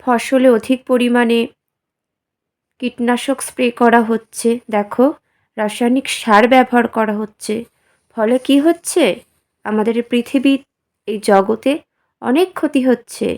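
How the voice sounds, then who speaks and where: A woman teacher with a slightly high voice talks through a lesson at a slow, careful pace. She is feeling a little unwell, and she keeps asking the class questions and then answering them herself. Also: a little mellow. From West Bengal, India. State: feeling unwell, speaking slowly. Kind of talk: slow, simple classroom explanation.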